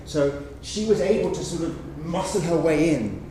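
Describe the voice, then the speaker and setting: A man with a voice on the high side and lively intonation delivers a conference research talk at a moderate pace, patiently walking through examples with frequent "sort of" hedges. The room echoes, the mic sits far away, and there's faint noise.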